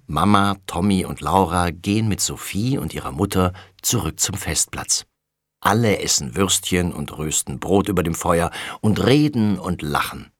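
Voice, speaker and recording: Ein Mann, der ein Kinderhörbuch sanft und ausdrucksvoll vorliest. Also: male voice, low voice, husky, dry recording, studio quality. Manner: gentle, expressive storytelling. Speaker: audiobook reader. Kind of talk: children's storybook narration.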